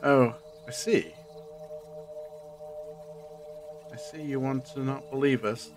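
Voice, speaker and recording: A man playing a confident, sly, eccentric time traveller in an audio drama, speaking theatrically and deliberately with old-fashioned turns of phrase. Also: medium pitch, faint music behind, natural voice. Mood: coaxing, sly.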